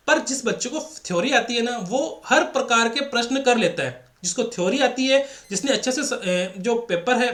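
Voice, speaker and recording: A man's voice: very high-pitched, a bit bright, roomy sound. A man teaching a maths lesson in a chatty, repetitive way, often asking rhetorical questions. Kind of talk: casual classroom lecture.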